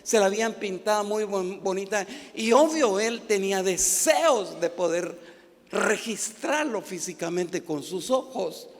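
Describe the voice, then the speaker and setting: Brief: male Guatemalan pastor, high-pitched, fervent sermon that swells to shouting, in a reverberant church. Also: unhurried. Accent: Guatemalan Spanish. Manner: impassioned preaching that swells to shouting.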